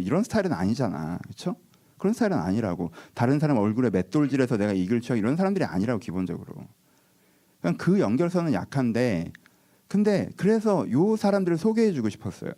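A man preaching a sermon as a pastor, telling the story in a lively, animated way and acting out the dialogue between figures. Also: mid-range voice.

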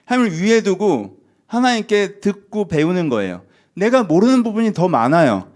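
Lively conversational male preacher. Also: sits high, moderate pace. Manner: conversational preaching with acted-out asides. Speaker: pastor. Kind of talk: sermon.

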